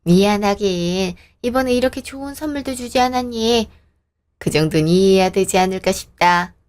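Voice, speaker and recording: A woman's voice: medium pitch, normal speed, darkish tone, natural voice. A woman doing a coaxing older mother-in-law. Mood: coaxing pleased. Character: older countryside mother-in-law, sweetly presumptuous.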